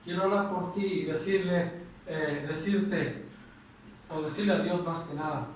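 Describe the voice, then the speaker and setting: A man's voice: on the high side, unhurried, slight background noise. A man preaching a sermon with a Mexican Spanish accent, earnest, repeating himself and asking rhetorical questions. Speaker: pastor. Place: church or meeting room. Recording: echoey room from far off.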